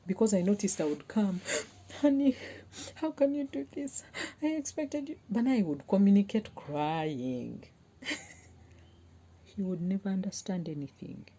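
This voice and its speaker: Young woman, low voice, mellow tone, earnest heartfelt vlog talk. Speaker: vlogger giving relationship advice. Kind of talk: personal talk to camera.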